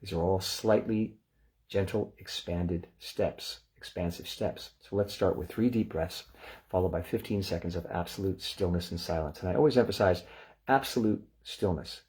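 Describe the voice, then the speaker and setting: Calm deep-voiced man leading relaxation. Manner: calm, unhurried, gently instructive. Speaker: relaxation session leader. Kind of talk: guided relaxation session.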